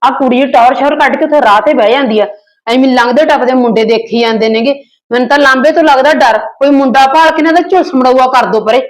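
A woman's voice: fast, lightly acted, rough recording. A woman playing a jealous aunt who complains about her niece and nephew. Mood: complaining. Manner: complaining, shrill when angry. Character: scheming jealous village aunt, middle-aged.

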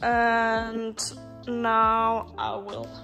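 A woman's voice: a little high, very animated, drawn-out words, sharp tone, faint music behind. A young woman with a sick, congested voice, chatting casually in a daily vlog and laughing often. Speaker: vlogger.

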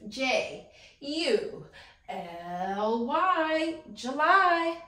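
A young preschool teacher talks to small children in an earnest, upbeat, sing-song way, asking encouraging questions to camera. Her high voice is animated and sharp, with drawn-out words, and the small indoor room set up as a classroom gives a roomy echo.

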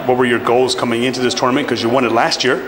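Quick casual male sports interviewer. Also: medium pitch, level tone, a crowd in the background, rough recording. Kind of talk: postgame questions. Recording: arena noise behind.

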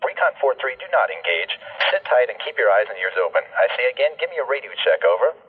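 A gruff military commander heard over a walkie-talkie in a video game, snapping terse radio protocol. His husky voice swings up and down as he hurries his orders. The sound is thin and tinny, as if it comes from a far-off radio set. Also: medium pitch, very animated, fast. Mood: stern. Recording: narrow tinny radio line from a distance.

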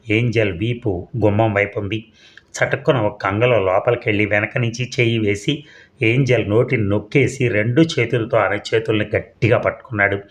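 A man narrating a suspense audio story in a steady, measured reading with occasional slips. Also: lowish voice.

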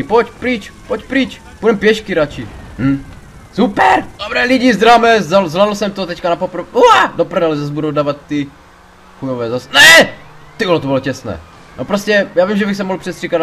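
A man commentating his gameplay in a casual, rambling way, his voice sitting a little high for a man. He gets excitable, swears freely and shouts in panic when the game turns against him, with faint noise behind him. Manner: excitable, swears a lot, panics loudly in tense moments. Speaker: let's play gamer.

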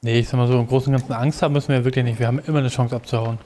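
A man's voice: mid-range voice, fairly even intonation, rapid-fire, mellow. A man chatting casually with a co-player while playing a video game. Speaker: let's play gamer. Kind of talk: casual gaming chat with a co-player.

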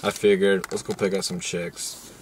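A man's voice: sits low, flat delivery, moderate pace, noisy background. A young man co-hosting a crude comedy show, telling rambling joking stories with slang and filler. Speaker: co-host.

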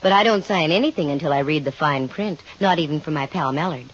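A woman's voice: deep voice, quick pace, slightly rough. An actress playing a wry female private investigator in an old radio detective drama, with a dry, wisecracking manner. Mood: stubborn, breezy. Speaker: lead actress and narrator. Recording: muffled old 1950 radio recording.

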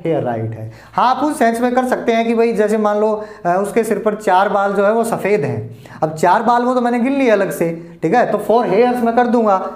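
A man's voice: sits high, a little mellow. A man teaching an English grammar lesson to students, explaining patiently and repeating each point. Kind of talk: classroom lesson explaining at a board. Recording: echoey room.

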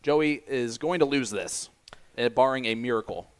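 Male stream host and sports commentator, American accent, average pitch, casual, joking banter. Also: moderate pace, clean tone. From Indiana, United States. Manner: joking, teasing.

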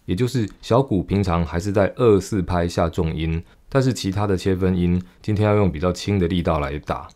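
Talking a little fast with few pauses, a man with a deep voice teaches drums through calm, patient, step-by-step instruction. A drum kit plays faintly in the background.

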